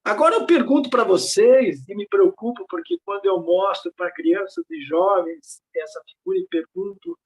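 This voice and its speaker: High-voiced man giving a reflective academic talk. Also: moderate pace, hardly any pauses. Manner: reflective, asks rhetorical questions, frequent "né". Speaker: invited speaker at a research network meeting. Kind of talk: academic talk over slides.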